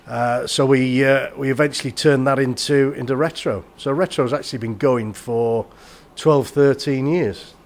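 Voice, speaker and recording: Middle-aged man telling stories, mid-pitched. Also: fairly even intonation, moderate pace. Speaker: bar and club owner, guest. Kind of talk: casual anecdotal chat.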